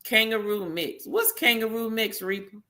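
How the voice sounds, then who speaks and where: Bright-voiced man in casual chat. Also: high-pitched, normal speed. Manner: animated, emphatic, laughs often. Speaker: podcast co-host.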